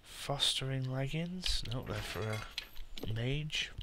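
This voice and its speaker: A man's voice: medium pitch, animated, slow pace, very noisy. A British man giving casual gameplay commentary with dry, muttered asides. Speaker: gamer, let's play host. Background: game music.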